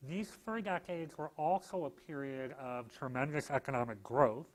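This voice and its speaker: A man's voice: medium pitch, moderate pace, rough recording. A male law professor giving a public lecture with dry, self-deprecating humor and frequent "um" and "uh" fillers.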